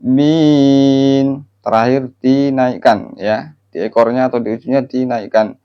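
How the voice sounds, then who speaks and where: A man's voice: medium pitch, fairly even intonation, normal speed, muffled recording. A man teaching Quran recitation in an online lesson, patiently explaining and repeating each point to his listeners. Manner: patient, repeats and addresses listeners warmly as friends; demonstrates melodic chanted phrases.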